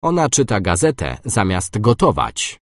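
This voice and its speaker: A man reading short example phrases slowly and clearly for a language course, giving both masculine and feminine forms. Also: fairly low pitch, wildly swooping pitch, no room sound, studio quality.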